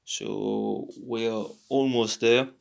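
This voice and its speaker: Tired male tutor, slow and gravelly, thinks aloud with fillers and repeats; casual lesson. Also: fairly low pitch, steady tone. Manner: halting, many fillers and repeats. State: tired, yawning. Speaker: language teacher.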